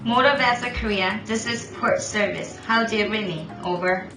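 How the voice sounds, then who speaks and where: This is a scripted maritime radio role-play in which a woman acts as a port control operator. She talks at a moderate pace in a mid-range voice, keeping to clipped, formal radio procedure. The recording has room echo and music underneath.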